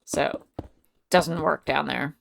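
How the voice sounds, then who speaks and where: A woman's voice: low voice, fairly even intonation, slow, creaky, a little hiss or hum. A woman streamer chatting casually with her viewers, reading out and answering chat messages. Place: home.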